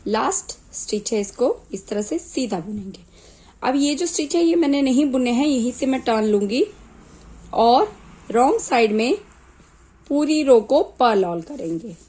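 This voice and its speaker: A woman with a sore throat teaching knitting step by step, calmly counting stitches aloud one at a time. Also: on the high side, measured pace, slightly rough, poor audio. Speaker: knitting tutor. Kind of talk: slow step-by-step craft tutorial.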